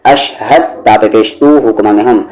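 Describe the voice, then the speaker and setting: A man teaching recitation word by word, spelling out each syllable and then reciting the words slowly and drawn out. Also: lowish voice, a little mellow, rough recording. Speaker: Quran teacher.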